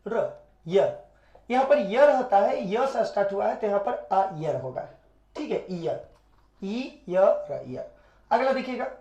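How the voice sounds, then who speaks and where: A woman teacher giving a grammar lesson, repeating words slowly and often checking whether students understood. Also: mid-range voice, mellow. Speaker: English teacher. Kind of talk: classroom-style grammar lesson. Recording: echoey room.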